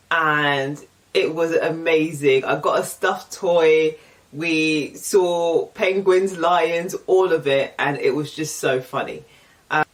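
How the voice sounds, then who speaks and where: Speaking from a distance from the microphone, this low-voiced vlogger is a young woman from England with an English accent. She reads get-to-know-me questions aloud and responds in a relaxed, candid way.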